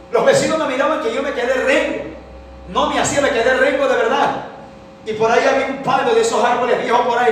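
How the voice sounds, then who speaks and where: A man's voice: very high-pitched, fairly bright tone, recorded from a distance. A man preaching a sermon, emphatic and telling a personal testimony. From Ecuador. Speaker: evangelist preacher. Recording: very echoey hall, voice from afar, faint noise.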